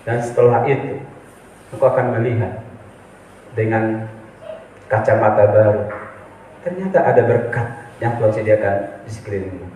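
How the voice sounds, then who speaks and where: A pastor preaching a sermon with passion, moving between hushed and fervent, addressing listeners as brothers. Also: male voice, medium pitch, slight background noise. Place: church hall. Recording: echoey hall from far off.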